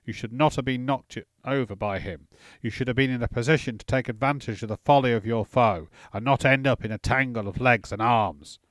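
A man voicing a gruff veteran warrior in his late forties who barks stern instructions at boys. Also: brisk, hardly any pauses, fairly bright tone, no room sound, studio quality, natural voice. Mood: stern instructing. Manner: booming, stern drill instructor.

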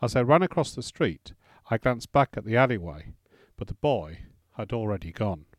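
A man's voice: lowish voice, big pitch swings, normal speed, no room sound. Man narrating an audiobook, dry sound.

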